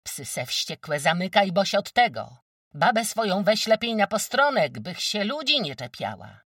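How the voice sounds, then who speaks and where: A jeering peasant woman with a sharp tongue, as an audiobook reader puts her on, pitched high and swinging up and down as she mocks. The voice sounds dry and set back from the mic. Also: very animated, measured pace, no room sound, recorded from a distance. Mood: shrieking anger. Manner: jeering, shrill, mocking. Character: mocking, foul-mouthed peasant woman neighbor. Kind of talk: audiobook character reading.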